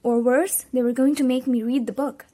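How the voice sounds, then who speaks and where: Woman, audiobook reader, first-person storybook narration, expressive, somewhat high voice. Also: normal speed.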